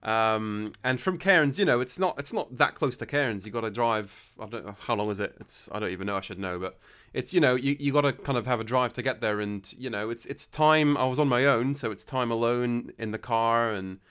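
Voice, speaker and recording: A young podcast host with a mid-range, fairly quick, slightly bright and smooth voice chats casually with a guest over a video call in an interview format. His delivery rambles, full of restarts and fillers. He's in a small room, using a studio mic with headphones.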